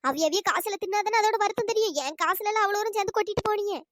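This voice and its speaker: Voicing a cartoon story, a pitch-shifted performer plays a village woman fuming about an overpaid hotel bill. She speaks quickly in a squeaky voice, wailing, complaining and scolding sharply.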